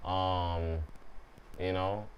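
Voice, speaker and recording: A man in his twenties from Saint Vincent, speaking calmly and measuredly in a documentary interview. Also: low voice, very slow, clear, resonant tone. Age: 20s.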